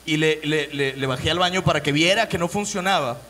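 High bright-voiced Mexican comedian. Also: male voice, brisk. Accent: northern Mexican. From Monterrey, Mexico. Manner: profane, storytelling, acts out voices. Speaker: stand-up comedian. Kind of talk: stand-up comedy set.

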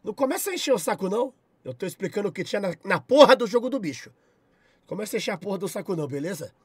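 A young man with a Brazilian accent, chatting on a live stream, loud and profane, shouting thanks at his chat. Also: sits high, animated, rapid-fire, husky, no room sound. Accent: Brazilian Portuguese.

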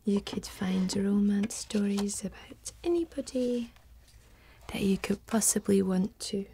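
A young woman with a Scottish accent in an ASMR role-play as a helpful librarian, speaking in a soft, breathy library soft voice. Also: mid-range voice. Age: young adult. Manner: slow, hushed, gently helpful. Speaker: ASMR performer playing a librarian.

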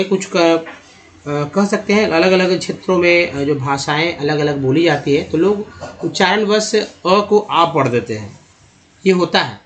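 High-voiced man teaching English pronunciation. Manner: explanatory, repeats and restarts often, addresses viewers as friends. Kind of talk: Hindi-language English pronunciation lesson.

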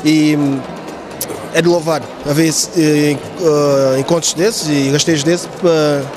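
A young man answers an interview in a flat, level voice that barely moves, stumbling over words. Music plays clearly behind him. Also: on the high side, slow pace. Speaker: event visitor.

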